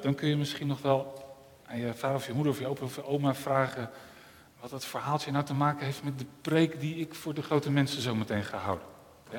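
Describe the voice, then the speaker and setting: A man, a pastor, telling a children's story during a church service in a lively storytelling manner. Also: medium pitch. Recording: long church reverb.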